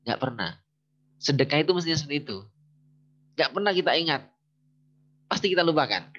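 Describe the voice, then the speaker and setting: A man teaching Arabic grammar in a casual lesson, often pausing to think aloud and search for the right word. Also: fairly high pitch, lively intonation, bright, forceful tone. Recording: dull lo-fi recording.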